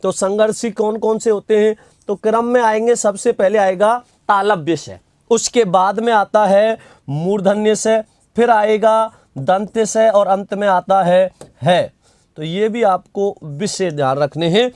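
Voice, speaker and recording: A man's voice: sits high, unhurried, darkish tone, no room sound, clean studio sound. A man teaching an online grammar class, asking questions and answering them himself, repeating key terms and reading out viewer comments. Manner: reads out viewer comments and replies.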